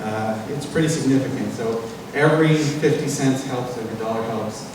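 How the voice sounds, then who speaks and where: A man hosts a panel in a large convention hall, giving a casual presentation full of loose talk and fillers. His medium-pitched voice moves at a moderate pace, picked up by a distant mic in an echoey hall with a noisy background.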